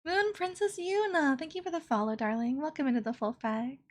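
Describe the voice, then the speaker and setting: A woman livestreamer with a cutesy, playful, excitable anime-streamer manner, chatting casually and greeting viewers. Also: high-pitched, fairly quick. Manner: excitable, exclaiming. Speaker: live streamer.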